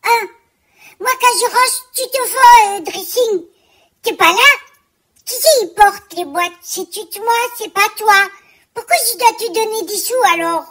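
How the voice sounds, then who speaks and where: Squeaky, piping, fussy chatterbox character for a comic vlog, high and talkative. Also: female voice, lively intonation, moderate pace, a bit bright. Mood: grumbling. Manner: sticks "tout" into every phrase, fussy and chatty.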